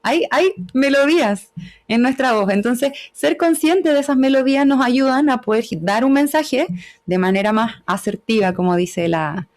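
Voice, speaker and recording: A woman's voice: sits high, animated, moderate pace, a little mellow. A woman gives an online lecture on communication over a video call. She explains patiently and often checks in with short tag questions. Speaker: webinar speaker.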